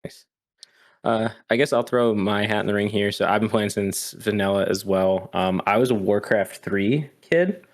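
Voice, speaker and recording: Male podcast host, relaxed, low-ish voice, loose and friendly delivery. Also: normal speed. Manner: easygoing, prompts others. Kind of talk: casual chat.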